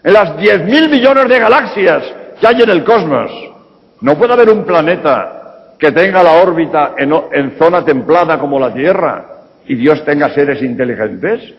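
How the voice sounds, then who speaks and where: Emphatic priest from Spain, high lively voice. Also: male voice, unhurried. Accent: Spanish (Spain). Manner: emphatic, rhetorical questions, blunt. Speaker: priest answering audience questions. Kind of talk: public lecture Q&A. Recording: reverberant hall, dull lo-fi sound.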